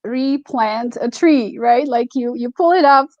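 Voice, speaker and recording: Higher-voiced woman with a Slovak accent. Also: a little mellow, no echo, dull audio. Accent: Slovak with a touch of Nova Scotian. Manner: reflective, halting, searching for words. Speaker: interview guest. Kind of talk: casual conversational storytelling.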